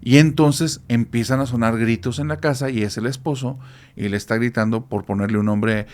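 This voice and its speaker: A man's voice: medium pitch, fairly even intonation, moderate pace, a little mellow. Mexican man telling horror stories casually. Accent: Mexican Spanish. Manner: rambling, with frequent restarts and acted quotes. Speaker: podcast guest.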